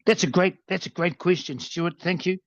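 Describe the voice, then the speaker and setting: A man's voice: high voice, moderate pace, dry recording. A man with a New Zealand accent, coaching as a guest presenter over a video call, earnest and often restarting his words. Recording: dull, dry lo-fi video call audio.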